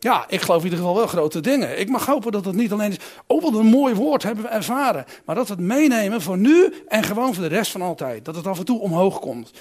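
A man preaching a sermon who asks his listeners direct questions and swings between loud emphatic calls and quiet reflective asides. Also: sits high, animated, fast talker.

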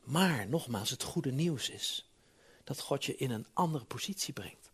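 Male preacher, husky voice, swings widely in pitch; chatty church sermon with many quick asides and loud emphatic peaks. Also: lively intonation. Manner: conversational, frequent "hè?" asides, rising to emphatic peaks.

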